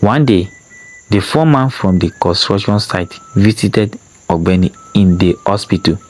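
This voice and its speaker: A man narrating a dramatic story in a slow, dramatic reading style. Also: low-pitched, low-quality recording.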